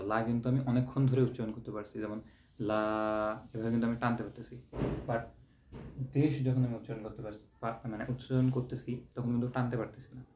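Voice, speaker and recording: Brief: young man, patient lecturing tutor, dark mellow tone, roomy dull recording with faint hiss. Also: medium pitch. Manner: patient, repeats and stretches syllables to demonstrate. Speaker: teacher. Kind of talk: online exam-prep lecture.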